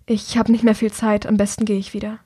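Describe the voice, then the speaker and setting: A woman's voice: medium pitch, little pitch movement, fast talker, warm tone, breathy edge, dry recording, natural voice. Woman reading withdrawn young man, tense, subdued, dry studio sound. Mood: strained.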